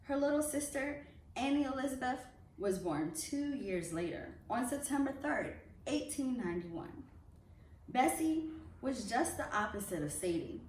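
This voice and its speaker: With a high-sitting voice and a slightly slow pace, a woman serving as club president welcomes families to a children's reading series, then reads a storybook with expressive, careful enunciation. Captured from afar, the audio carries a roomy echo and background noise.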